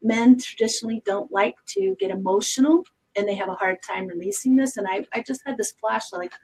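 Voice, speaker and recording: Lively, gravelly-voiced woman co-host. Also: fairly high pitch, a little fast, rough recording. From Arizona. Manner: reflective, emphatic, hesitant restarts. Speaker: psychic medium co-host. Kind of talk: casual panel chat.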